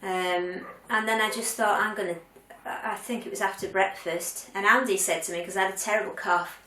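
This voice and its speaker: A woman's voice: mid-range voice, fairly even intonation, moderate pace, bright, forceful tone. A woman in her later years chatting candidly to camera in a weekly vlog, with frequent ums and restarts. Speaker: vlogger. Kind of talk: casual chat to camera. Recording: roomy sound, mic at a distance.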